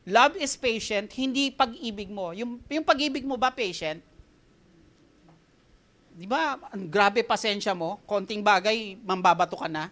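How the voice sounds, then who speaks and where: A woman with a Filipino accent preaching a sermon. She mixes Tagalog and English and tells animated stories, often laughing at herself. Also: mid-range voice, a little slow.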